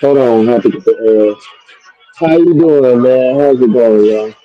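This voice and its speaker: A man's voice: mid-range voice, measured pace, soft background music. A man calling into a livestream in a casual chat, checking his audio and greeting everyone, his voice muffled and gurgling as if underwater. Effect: muffled, gurgling underwater-sounding connection. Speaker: caller joining a livestream. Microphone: remote call through a livestream. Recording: dull lo-fi call audio from off-mic.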